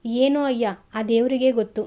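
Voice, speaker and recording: A woman voicing a modest, exhausted working man who speaks softly in a read-aloud story. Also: a little high, fairly even intonation, normal speed, close to an everyday voice. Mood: quiet. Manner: soft-spoken, quiet.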